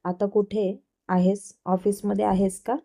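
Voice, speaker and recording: A woman's voice: medium pitch, little pitch movement, unhurried, creaky, warm tone. Woman reading as a stern worried father. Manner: stern, scolding. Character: worried strict wealthy father, middle-aged man.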